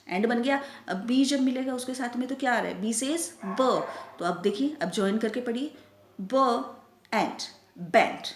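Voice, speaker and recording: A woman teacher leads a phonics lesson for young children. She sounds out letters and words slowly and clearly and asks patient questions. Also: fairly high pitch, reverberant, a little hiss or hum.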